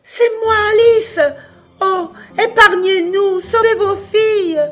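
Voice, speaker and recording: A woman voicing a frightened young woman who cries out shrill, pleading calls through tears. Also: fairly even intonation, slow, fairly bright tone, full character voice. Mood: desperate. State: crying.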